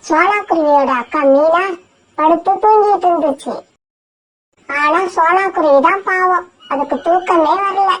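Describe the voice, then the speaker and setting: A woman narrating a children's cartoon story in an animated storytelling manner. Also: very high-pitched, measured pace.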